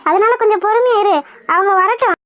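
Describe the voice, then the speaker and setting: A woman's voice: very high-pitched, quick pace, a bit bright, dry recording, studio quality. A woman voicing a kind, patient housewife in a cartoon who coaxes and soothes. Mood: soothing. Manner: soothing, coaxing. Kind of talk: cartoon voice acting.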